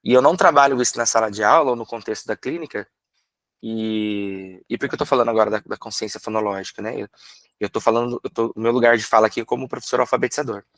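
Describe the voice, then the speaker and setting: A man from Brazil, a literacy teacher, explaining in a workshop lecture, asking himself rhetorical questions and sounding out syllables slowly. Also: mid-range voice, steady tone, fairly bright tone, no room sound.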